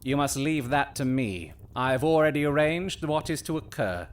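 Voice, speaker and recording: An actor as an animated, commanding Sherlock Holmes. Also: male voice, a little high, close to an everyday voice. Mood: intent, commanding. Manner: theatrical, deliberate, formal diction. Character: Sherlock Holmes, shrewd, commanding Victorian gentleman detective. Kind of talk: period audio drama acting.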